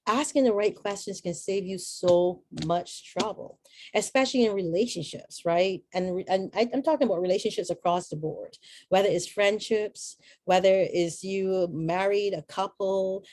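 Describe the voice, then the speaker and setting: A woman's voice: mid-range voice, normal speed, darkish tone, slight background noise. A middle-aged woman from Barbados, giving an earnest, reflective inspirational talk with chatty asides. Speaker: motivational speaker.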